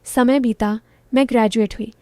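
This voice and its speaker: A woman narrating a first-person story in slow, short clipped phrases. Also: a little high, fairly even intonation, dark tone, no echo.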